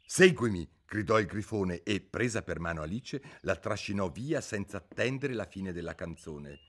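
A man narrating a children's storybook in an expressive, unhurried way. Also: low-pitched. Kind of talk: audiobook narration.

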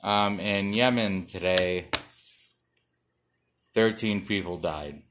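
A young man with a lowish but bright, forceful voice talks through a loose stand-up set read off cards. He rambles, stumbles, swears and mocks himself between jokes. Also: slow, slight background noise. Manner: self-mocking, profane, rambling with many fillers and restarts. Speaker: stand-up comedian.

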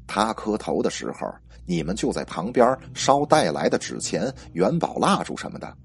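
A man voicing a stern male village exorcist who gives curt, firm orders in a low, husky voice. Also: sing-song, moderate pace, heavily acted. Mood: stern commanding.

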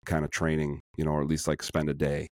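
Deep-voiced Chicago man, rambling chat. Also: monotone, fast, a little mellow, no room sound, clean studio sound. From suburban Chicago. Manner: rambling, enthusiastic, frequent fillers and restarts. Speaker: podcast host. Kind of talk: casual podcast chat.

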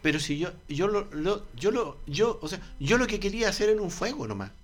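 A man's voice: high voice, very animated, fairly quick, soft background music. Rambling Chilean man spinning a tale. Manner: rambling, stammering, slangy. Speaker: storyteller. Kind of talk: absurd comic storytelling.

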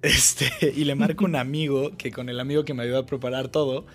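A young man with a Mexican accent telling a story as a guest in a casual interview, animated and full of quick asides. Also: mid-range voice, soft background music. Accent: Mexican Spanish.

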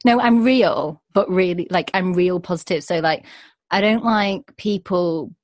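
A woman's voice: on the low side, a little slow, no echo. Upbeat woman, laughing guest. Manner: upbeat, laughs often, dry humor. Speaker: guest influencer. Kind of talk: casual chat.

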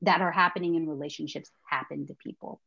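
A woman's voice: deep voice, steady tone, vocal fry, a bit bright. Woman, couples coach, earnest interview talk, lots of ums, muffled lo-fi audio. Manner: earnest, many filler pauses. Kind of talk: interview conversation.

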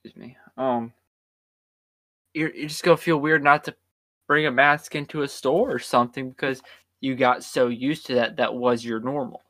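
A tired man chatting casually as a podcast co-host, drifting from point to point with a middle-pitched voice. The sound is close and dry. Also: fairly even intonation, normal speed, fairly bright tone, no echo. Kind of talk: casual chat.

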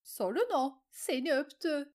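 A woman doing a shrill, hysterical jealous noblewoman. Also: animated, drawn-out words, mellow, exaggerated voice. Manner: shrieking, sobbing, pleading.

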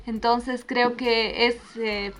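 A Bolivian woman hosting a relaxed talk show, reflecting at length and thanking her guest, with many fillers. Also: fairly high pitch, slow pace. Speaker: host. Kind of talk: casual chat.

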